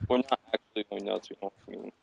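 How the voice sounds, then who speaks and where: A man's voice: on the low side, fairly even intonation, fast talker, gravelly, darkish tone, breathy edge, rough recording. A man chatting loosely on a podcast over a bad call connection that keeps breaking up, rambling and swearing casually. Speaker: podcast co-host calling in remotely. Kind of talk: casual sports chat. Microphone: remote call line.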